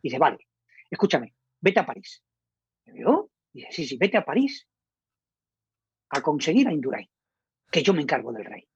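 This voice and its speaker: Husky, lively Spanish-accented man. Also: a little high, moderate pace, pauses often, no echo. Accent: Spain Spanish. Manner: animated storyteller acting out quoted dialogue. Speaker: radio journalist guest. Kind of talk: casual anecdote telling. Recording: dull lo-fi dry recording.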